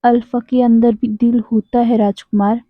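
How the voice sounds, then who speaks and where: A woman's voice: a little high, little pitch movement, measured pace, dry recording. A woman doing a reproachful young husband. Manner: pleading and accusing. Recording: dry, tinny phone-like sound.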